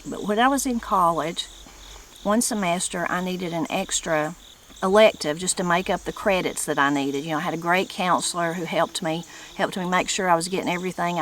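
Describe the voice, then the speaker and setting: A middle-aged woman with a strong Appalachian accent from the mountains of western North Carolina speaks in a fairly low voice. She talks informally to her viewers in a folksy way, using regional turns of phrase. Insects chirp in the noticeable background noise. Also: a bit bright. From western North Carolina, United States. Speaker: online channel host and presenter. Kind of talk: informal talk to camera.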